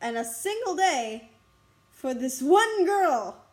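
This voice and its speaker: A young woman in a casual vlog, rambling excitedly and breathlessly about her school day, recorded outdoors on a school campus. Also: sits high, slow. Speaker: vlogger.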